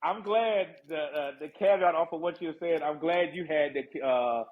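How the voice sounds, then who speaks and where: A laid-back man telling stories from his years as a first sergeant, his voice a little high for a man. He laughs easily and keeps calling the listener "man." The sound comes through a thin, tinny line like a phone call. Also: moderate pace. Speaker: retired first sergeant, podcast guest. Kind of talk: casual interview talk.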